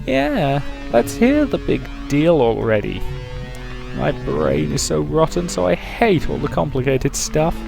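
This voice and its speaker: A man voicing a creepy, high-pitched villain clown who is crude and impatient. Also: sing-song, measured pace, creaky, over music, heavily acted, poor audio.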